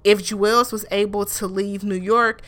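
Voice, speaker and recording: A woman casually recapping a reality show in a blunt, animated way, with frequent swearing. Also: medium pitch, measured pace. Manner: mimics show cast members in raised voices.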